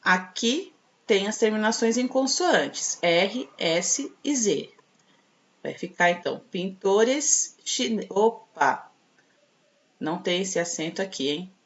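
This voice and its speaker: Woman, teacher, online grammar lesson, slow deliberate pace, slightly dull lo-fi audio. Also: medium pitch, lively intonation. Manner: slow, clear teacher talk with frequent checks like "tá?".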